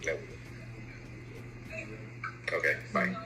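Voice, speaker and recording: A man's voice: very slow, pushed and bright. A man on a video chat app, talking bluntly and teasing. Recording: noisy echoey video call audio.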